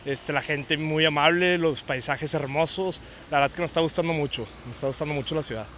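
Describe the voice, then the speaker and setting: A man's voice: a little high, quick pace, a bit bright, a little hiss or hum. A man with a Mexican Spanish accent, a tourist enthusiastically talking in a street interview.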